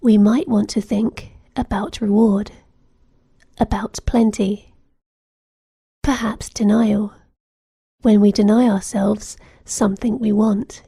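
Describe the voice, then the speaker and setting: A woman gently and soothingly leads a guided meditation with calm, measured instructions. Her mid-range voice is breathy, sometimes with a touch of fry. She sounds close and dry, with no room sound or echo.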